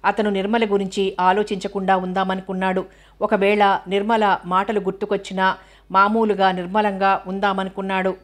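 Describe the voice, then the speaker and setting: A woman narrating a novel as an audiobook in a steady, measured way. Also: mid-range voice.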